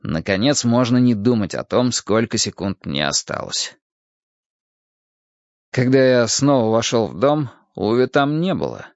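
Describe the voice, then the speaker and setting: A man of middle pitch narrates an audiobook in a steady, measured way. The recording is dry and a little dull, with no room sound. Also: no echo. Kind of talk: first-person audiobook narration.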